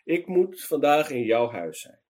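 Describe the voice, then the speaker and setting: A man's voice: on the high side, very animated, measured pace, darkish tone, pitched above the performer's own voice. A man voicing a kind, teasing teacher figure in a storybook reading, with a playful way of calling out. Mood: gentle.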